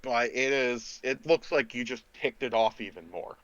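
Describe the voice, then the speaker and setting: A man narrating as game master in a relaxed, filler-filled way. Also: mid-range voice, moderate pace, lo-fi sound, slight background noise. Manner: relaxed, uses many fillers.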